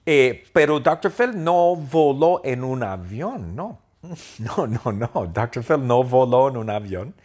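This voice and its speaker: A man with a husky voice tells a silly story at a slow, deliberate pace. He repeats every sentence playfully, and his pitch bounces up and down widely. He keeps the sentences short and simple. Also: sing-song, a little mellow. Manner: playful, repeats each line.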